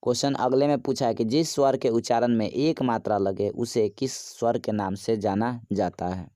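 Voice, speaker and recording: A man's voice: mid-range voice, fairly even intonation, moderate pace, mellow, no room sound, clean studio sound. Casual man teaching a quiz. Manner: casual, chatty, asks viewers for likes. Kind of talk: quiz lesson.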